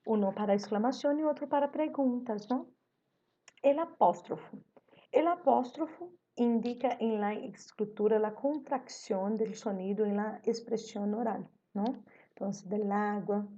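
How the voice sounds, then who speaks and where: A woman's voice: medium pitch, dark tone. A Brazilian woman teaching Spanish in an online class, mixing Portuguese and Spanish and acting out example questions. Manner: mixes Portuguese and Spanish, acts out example questions with rising intonation. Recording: dull lo-fi stream audio.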